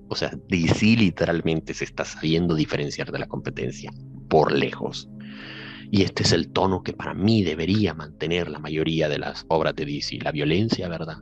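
A man giving a casual, emphatic film review, swearing freely and repeating filler phrases. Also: a bass voice. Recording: slightly dull audio with faint music behind.

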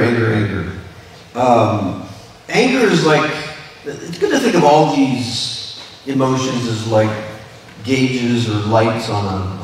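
A man gives a conversational sermon, circling back and restarting his sentences as he explains. His voice carries through a large church hall with a long reverb. He sounds a little distant from the mic, with faint room noise underneath. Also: medium pitch. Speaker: pastor. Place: church sanctuary.

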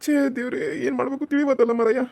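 A woman's voice: high-pitched, fairly even intonation, rapid-fire, dark tone, dry recording. A woman voicing a meek, desperate young male farmer in a cartoon serial, pleading and helpless. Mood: distressed. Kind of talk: cartoon voice acting.

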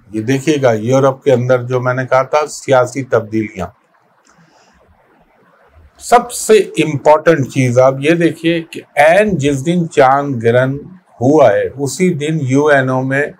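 A middle-aged man, giving a weekly astrology forecast in an emphatic, reflective way with pauses and restarts. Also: mid-range voice. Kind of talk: spoken weekly forecast monologue.

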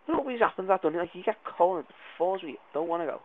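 A man giving excitable, jumpy let's play commentary, swearing and yelling when startled. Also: high voice, very fast. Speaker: gaming video creator. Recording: tinny lo-fi mic sound.

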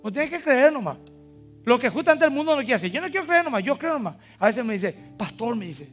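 A male pastor with a Paraguayan Spanish accent preaching a sermon, swinging between loud emphatic cries and low quiet asides. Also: very animated, fast talker. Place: church. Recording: church service broadcast with faint music.

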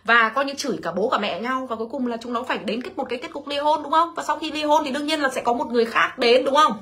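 A woman's voice: sits high, fast talker, sharp tone. A woman hosting a casual livestream, telling her own story bluntly and animatedly while speaking straight to her viewers.

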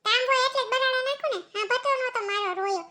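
In a cartoon comedy, a group of middle-aged village women nag and holler in Kathiawadi Gujarati accents. These female voices are shrill, bright, and sky-high, racing along in loud, bossy scolding.

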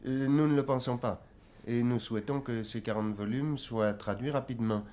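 A man from France hosting a radio interview, formal and measured, opening with a prepared introduction before questioning his guest. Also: medium pitch, steady tone, warm tone.

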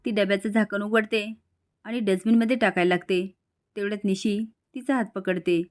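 A woman narrating a brisk recap of a TV serial episode, reading every character herself. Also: mid-range voice, fairly even intonation.

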